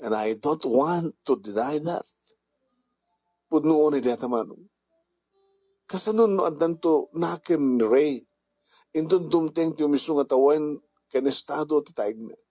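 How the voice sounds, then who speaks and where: A man with an Ilocano accent who narrates a radio letter-drama in a slow, measured storytelling manner. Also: on the high side, warm tone, no room sound.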